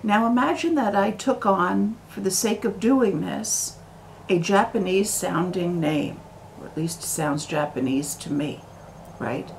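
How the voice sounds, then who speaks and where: Woman, American accent, slow careful delivery, pauses and fillers, faint background noise. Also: medium pitch, vocal fry, rough recording. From United States. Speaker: video commentator. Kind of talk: unscripted monologue to camera.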